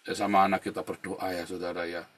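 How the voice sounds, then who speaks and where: A man pastor preaching a sermon in a chatty, storytelling way, often dropping to a low murmur and then rising into loud emphatic bursts. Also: level tone, fast talker. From Indonesia. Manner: conversational preaching, keeps adding "saudara ya". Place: the Netherlands.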